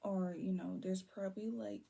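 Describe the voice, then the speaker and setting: A young woman talks viewers through a tarot spread in an unhurried, hushed way, often dropping into soft whispers. Her voice is deeply breathy and husky, with a gravelly rasp at the ends of phrases and a mellow, dark tone. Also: steady tone. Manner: drifts between low talk and soft whispers, trails off; holds her voice down on purpose. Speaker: tarot reader. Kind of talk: casual tarot reading to viewers.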